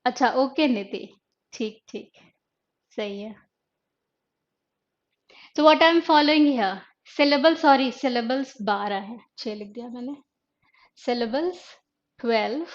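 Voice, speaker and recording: A woman teacher with a fairly high voice talks through an exam-prep class at a slow, unhurried pace. She poses questions to her students and answers them herself, moving between Hindi and English. The sound is dull and lo-fi, like a recorded online class. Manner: reads poetry slowly and deliberately.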